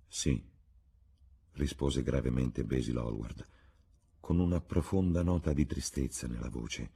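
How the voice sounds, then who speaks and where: A man narrating a literary classic for an audiobook in a measured, dramatic manner, recorded in a studio. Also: extremely low pitch, creaky, dark tone, slightly rough.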